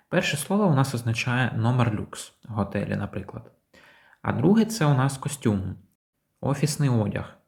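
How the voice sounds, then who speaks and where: Male language teacher, mid pitch, patient, repeats words for learners. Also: darkish tone. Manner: repeats model words slowly and clearly. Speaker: English teacher. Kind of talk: language lesson.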